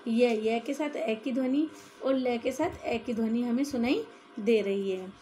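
A woman's voice: fairly high pitch, a little slow, warm tone. Woman teacher explaining step by step. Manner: explaining step by step, often adding "ठीक है". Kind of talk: classroom grammar lesson.

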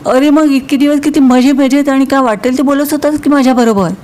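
A woman's voice: sits high, fairly even intonation, fairly quick, mellow, slight background noise, pitched above the performer's own voice, lightly acted. A woman voicing a young woman in love who turns shocked and disbelieving, questioning and exclaiming.

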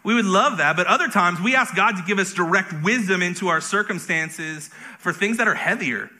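Bright-voiced pastor preaching casually. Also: male voice, sits high, a little fast. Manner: conversational, self-deprecating humor. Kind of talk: sermon.

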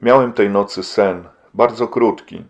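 A man reading an audiobook and voicing a faithful preacher husband who speaks calmly, solemnly and with resignation. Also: fairly low pitch, measured pace. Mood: resigned.

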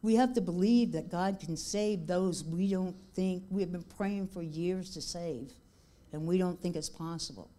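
An older woman giving a heartfelt testimony in church, slowing down on key points. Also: on the low side, dark tone. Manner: heartfelt, slow when emphatic.

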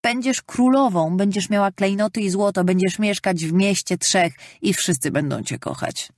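A woman voicing an excited young female cousin, eager and teasing, in an audiobook. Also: medium pitch, moderate pace, dry recording, voice pushed up, lightly acted.

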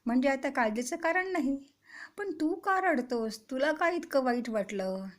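A woman's voice: high-pitched, animated, normal speed. A woman voicing a caring older sister who coaxes and teaches small boys in a children's story. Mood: coaxing. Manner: earnest, coaxing, motherly.

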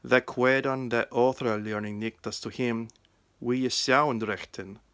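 A middle-aged man reads a Gospel passage aloud in Old English pronunciation. His delivery is very slow and deliberate, with a clean, resonant tone. The sound is dry and close, as if spoken to a phone in a small room. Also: mid-range voice, steady tone, fairly bright tone, no room sound. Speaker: reader. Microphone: phone at arm's length.

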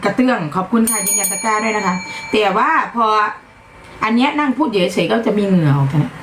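A woman's voice: medium pitch, lively intonation, fairly quick, echoey room, slight background noise, rough recording. Blunt chatty woman with an Isan accent. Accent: Isan Thai. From Northeast Thailand. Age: middle-aged. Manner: chatty, blunt, scolds and apologizes on air. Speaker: live-stream seller. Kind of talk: live-stream sales chat. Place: upper floor of a home.

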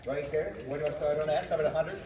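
In a storage facility's metal-walled indoor corridor, a man calls out live auction bids, chanting numbers rhythmically and repetitively. He speaks fast in a somewhat high voice amid background noise, and the distant camera mic gives an echoey hallway sound.

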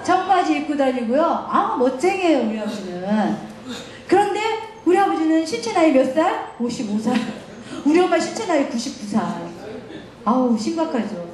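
Brief: middle-aged woman lecturer, lively and laughing, higher voice, echoey hall. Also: normal speed. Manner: animated storytelling, laughing often. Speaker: guest lecturer.

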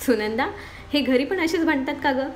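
A woman's voice: high-pitched, fairly quick, reverberant, slight background noise, natural voice. Woman reading a friendly older sister, light teasing, storybook tone.

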